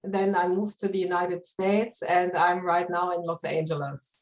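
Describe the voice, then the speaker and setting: A woman from Germany, a native German speaker, introducing herself warmly in English on a video call. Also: lowish voice, flat delivery, moderate pace, a little hiss or hum. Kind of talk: casual self-introduction.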